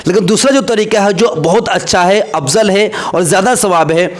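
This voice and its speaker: A man. He explains each point patiently and repeats Arabic phrases slowly and carefully to model the right pronunciation. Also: high-pitched. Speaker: Islamic teacher. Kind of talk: religious instruction vlog.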